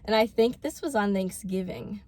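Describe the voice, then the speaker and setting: A woman's voice: medium pitch, moderate pace, darkish tone. Chatty young woman telling a story. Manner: chatty, full of "like" fillers. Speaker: vlogger. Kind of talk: casual storytime chat.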